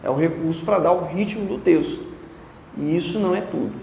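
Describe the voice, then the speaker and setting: A man with a Brazilian Portuguese accent giving an exam-prep lesson, chatty and lively, often asking the viewer questions. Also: a little high, brisk, creaky. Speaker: Portuguese teacher. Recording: echoey room with faint noise.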